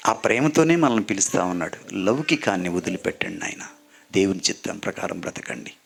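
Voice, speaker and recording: Lower-voiced male priest preaching. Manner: preaching with call-and-response to the congregation; mixes in English phrases. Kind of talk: sermon.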